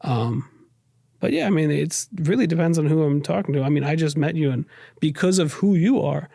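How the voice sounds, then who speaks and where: Speaking with a New York accent, this podcast guest, who grew up in New York in the US, reflects earnestly on his life in an interview and often rewords and repeats what he says. His slightly high voice is mellow with vocal fry, and he sounds animated and brisk. The sound is clean studio quality with no room sound.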